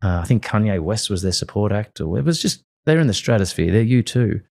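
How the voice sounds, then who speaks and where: A man with an Australian accent, a radio host and guest, telling animated stories in casual interview chat. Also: fairly low pitch, fairly quick, gravelly. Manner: animated storyteller.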